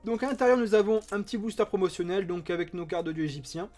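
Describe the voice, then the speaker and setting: A man's voice: high-pitched, fast talker, a little mellow, faint music behind. A man chatting enthusiastically as he opens trading card packs, reading card names aloud. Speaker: card-opening YouTuber. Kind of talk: casual unboxing commentary.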